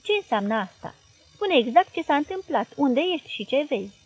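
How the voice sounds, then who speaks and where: A woman's voice: high voice, sing-song, darkish tone, no echo, soft background music, rough recording. A woman reading as an insistent male hypnotist. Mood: pressing. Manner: insistent, urging. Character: intense male hypnotist, coaxing and commanding.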